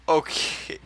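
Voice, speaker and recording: A young man casually commenting while streaming a video game, rambling with fillers and restarts. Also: pushed and bright.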